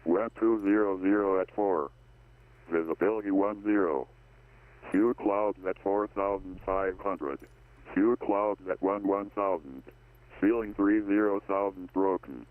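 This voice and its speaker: Deep male automated airport weather broadcast. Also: unhurried. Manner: flat, even reading of weather and runway data. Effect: automated airport weather broadcast over radio. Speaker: automated terminal information service. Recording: tinny lo-fi radio feed.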